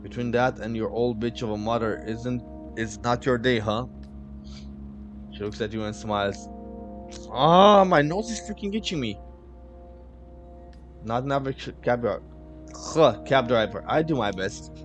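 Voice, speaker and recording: A man's voice: lowish voice, fairly even intonation, moderate pace, soft background music. A man playing a story game, reading its narration and every character's lines aloud in his own voice with offhand asides. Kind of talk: casual let's-play narration, reading dialogue aloud.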